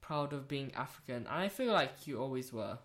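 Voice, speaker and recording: A woman's voice: a bass voice, expressive, normal speed. A young woman, originally from Rwanda, chatting candidly on a podcast, swearing freely and repeating phrases for emphasis. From born in Rwanda, raised in South London. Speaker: podcast guest, host's friend. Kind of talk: casual podcast chat.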